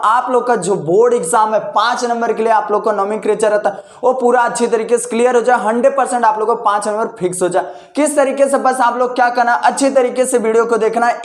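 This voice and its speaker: A man teaching a chemistry lesson, asking questions aloud and answering them himself. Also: extremely high pitch. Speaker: chemistry tutor. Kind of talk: classroom-style lesson. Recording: echoey room.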